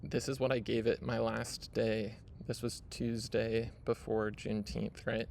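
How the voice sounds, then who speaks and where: An unhurried male video host with a lowish, darkish voice and vocal fry walks viewers through his screen. His pitch stays mostly flat, he uses many fillers and "right?" tags, and slight background noise is present.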